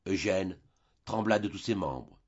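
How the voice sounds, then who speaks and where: Male audiobook reader, husky, dull lo-fi recording, measured storytelling. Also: deep voice, expressive. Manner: measured storytelling, lifts his voice for dialogue. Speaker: audiobook narrator. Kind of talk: scripted narration of a classic novel.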